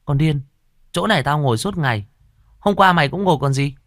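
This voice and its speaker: A man's voice: on the high side, lively intonation, a bit bright, no room sound, studio quality, voice pushed up. A man doing a scolding young girl. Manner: scolding, quick.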